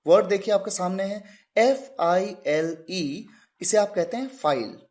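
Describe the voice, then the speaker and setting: A man's voice: sits high, a little slow, darkish tone. A man teaching an English grammar lesson. He spells words out letter by letter and answers his own questions. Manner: poses questions and answers them himself.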